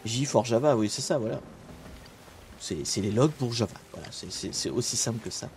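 A man's voice: mid-range voice, lively intonation, normal speed, a little mellow, a little hiss or hum. A young man hosting a live stream in a casual, rambling way, chatting with his viewers while he plays a game, with many fillers and restarts. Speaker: streamer and host.

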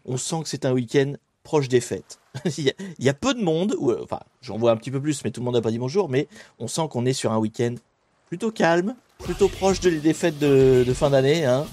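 A man's voice: mid-range voice, a little fast, no echo. Laid-back young male streamer, chatty and rambling, greeting his viewers between restarts. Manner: relaxed, rambling, many fillers and restarts. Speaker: streamer and host. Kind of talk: casual live-stream chat while gaming.

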